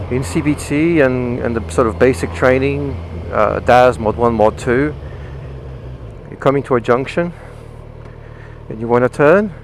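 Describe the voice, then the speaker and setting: A man with a British accent talks from inside a motorcycle helmet in a casual, explanatory way. His pitch sits in the middle for a man. Clear vehicle and outdoor noise runs behind his voice. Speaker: motorcycle vlogger. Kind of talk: casual explanatory vlog talk while riding. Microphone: microphone inside the helmet. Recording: clear engine, wind and traffic noise.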